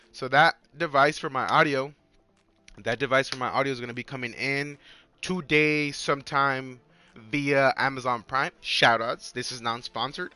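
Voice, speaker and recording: A man in his twenties chatting casually on a livestream with a hoarse, worn-out voice, rambling in slang and repeating his phrases. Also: mid-range voice, pushed and bright. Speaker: live game streamer.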